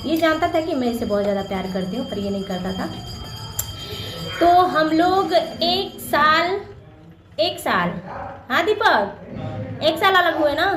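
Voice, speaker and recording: A young woman vlogger tells her viewers a personal story in a casual, chatty way. She has a slightly high voice, repeats her phrases and acts out the lines of the people in the story. The recording is echoey, with a faint room hum behind her. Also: lively intonation, measured pace, long pauses.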